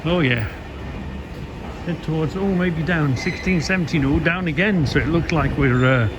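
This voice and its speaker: A man's voice: fairly high pitch, normal speed. A man, musing aloud in a casual, rambling travel vlog recorded around trains and stations. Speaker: travel vlogger. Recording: noisy handheld recording amid station and train noise.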